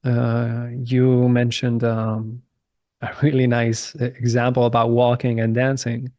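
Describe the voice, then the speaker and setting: A man in his thirties, a guest on a podcast, talking candidly in a halting way and repeating words as he starts his thoughts. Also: medium pitch, completely flat delivery, a little mellow, no echo. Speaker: podcast guest, movement coach. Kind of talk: casual conversational interview.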